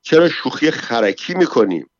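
A man's voice: mid-range voice, very animated, dry recording, pitched above the performer's own voice, lightly acted. A man voicing a young male guard who speaks in a muffled, brooding voice. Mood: sheepish.

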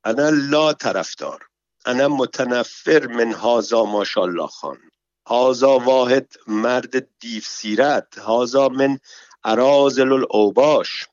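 A man's voice: mid-range voice, lively intonation, dry recording, voice pushed up, natural voice. A man reading a story, voicing a frightened man disguised as a nanny who stammers in panicky broken Arabic. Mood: panicked. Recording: dull, dry recording.

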